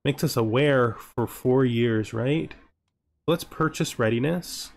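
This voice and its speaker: With background music running, a gaming video host gives laid-back commentary on a strategy game, thinking aloud to himself. His gravelly voice sits at medium pitch, and he takes his time speaking.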